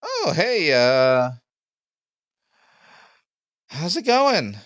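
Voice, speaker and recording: A man doing a high, cheery young nobleman. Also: wildly swooping pitch, very slow, no echo, exaggerated voice. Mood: welcoming. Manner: cheerful, high and bright when speaking as him.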